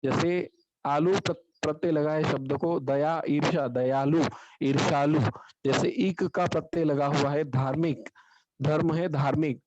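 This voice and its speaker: A man's voice: a little high, fairly even intonation, measured pace, darkish tone. A male teacher giving an online grammar lesson, explaining step by step and asking and answering his own questions. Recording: dull lo-fi online class audio.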